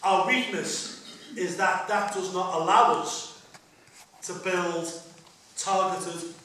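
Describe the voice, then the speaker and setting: A man's voice: high-pitched, steady tone, takes it slowly, pushed and bright. A man giving an emphatic political speech to a public meeting, building points through repetition, in a hotel function room. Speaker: party speaker. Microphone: far camera. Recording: echoey hall from far off, faint murmur.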